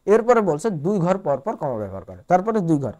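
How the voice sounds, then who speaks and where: A woman's voice: fairly low pitch, very animated, fast, warm tone. A woman from Bangladesh teaching a math lesson at the board, explaining step by step, repeating each point and checking that students follow. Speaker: math tutor.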